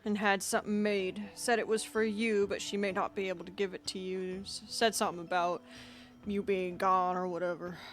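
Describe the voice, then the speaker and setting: A woman voicing a gruff, grizzled male weapon shopkeeper in his sixties for a tabletop game, speaking curtly. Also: high-pitched, flat delivery, normal speed, a bit bright. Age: 60s. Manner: gruff, curt. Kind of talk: tabletop role-play.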